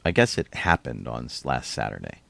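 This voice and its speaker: A man with a low, gravelly voice talks in a casual podcast chat, and his pitch swings widely as he tells rambling stories with a chuckle. The sound is dry and close, with no room echo. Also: big pitch swings, fairly quick, a bit bright. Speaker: podcast co-host.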